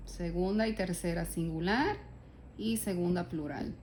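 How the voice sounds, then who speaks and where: A woman's voice: fairly low pitch, unhurried, darkish tone, slight background noise. A woman teaching a German grammar lesson in Spanish, explaining patiently step by step and asking her students rhetorical questions. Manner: addresses the class as "ustedes", asks rhetorical questions. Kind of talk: spoken language lesson.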